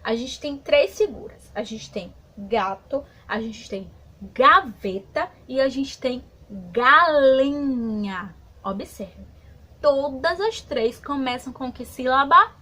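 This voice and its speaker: A woman with a Brazilian accent teaching young children in an online lesson, stretching words slowly and asking many questions. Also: high-pitched, lively intonation, sharp tone. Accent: Brazilian Portuguese. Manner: slow, drawn-out words for small children. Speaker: preschool teacher.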